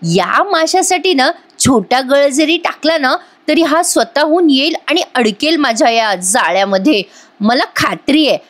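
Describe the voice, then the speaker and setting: A manipulative young woman from a TV serial, pleading through theatrical sobs, as a woman narrator acts her out. Her voice sits noticeably higher than the narrator's own. It sounds put on and overdone. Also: animated, unhurried. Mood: gloating. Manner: theatrical sobbing pleas.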